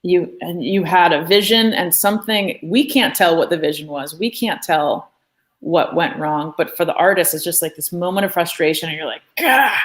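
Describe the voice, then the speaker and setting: A woman with a somewhat low voice hosts a live art lesson from her studio, chatting loosely, with plenty of filler words and asides. She talks casually and never reads from a script. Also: moderate pace, poor audio. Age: adult. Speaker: art class host.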